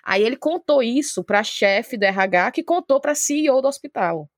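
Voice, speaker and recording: A woman with a Cearense Brazilian Portuguese accent, a talkative podcast guest telling lively anecdotes in casual chat, acting out the dialogue as she goes. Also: fairly high pitch, normal speed, dry recording, clean studio sound. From Ceará, Brazil.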